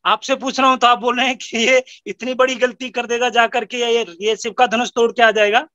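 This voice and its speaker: A man's voice: extremely high pitch, little pitch movement, fairly quick, sharp tone, no echo, muffled recording. A man voicing a naive schoolboy who protests his innocence earnestly. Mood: protesting. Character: naive schoolboy, cheeky, easily tearful.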